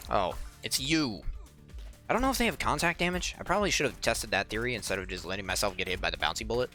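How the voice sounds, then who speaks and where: A man's voice: lowish voice, rapid-fire. A young man commenting on his own gameplay, chatting with viewers in an exasperated, joking way, his voice cracking from a dry throat. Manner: animated, exasperated banter with viewers. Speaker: gaming channel host. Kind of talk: let's play commentary. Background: faint game music.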